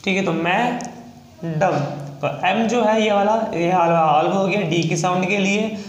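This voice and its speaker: A man's voice: high-pitched, normal speed, reverberant, a little hiss or hum, rough recording. A man from India teaching a shorthand lesson, explaining step by step and spelling words out letter by letter. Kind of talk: classroom lesson.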